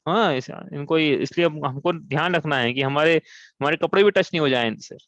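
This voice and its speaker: A man leads a scripture class, breaking the text down point by point and putting questions to his listeners before answering them himself. His voice sits a little high for a man. The recording is close and dry but a bit dull. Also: a bit bright, dry recording. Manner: explains step by step, asks and answers own questions; chants verses slowly. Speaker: religious teacher.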